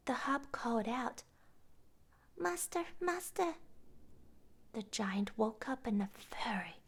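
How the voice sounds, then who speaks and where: A woman tells a bedtime fairytale in a hushed, half-whispered voice. She reads slowly, her tone husky and slightly gravelly. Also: fairly high pitch. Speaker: storyteller. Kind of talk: bedtime story narration.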